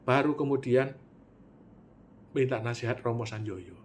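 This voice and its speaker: A man delivering a spoken monologue, swinging from loud, high bursts to low, quiet asides. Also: a little slow, slight background noise. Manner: animated storytelling, with sudden loud pitch jumps and drops to near-mutter; Javanese words mixed in.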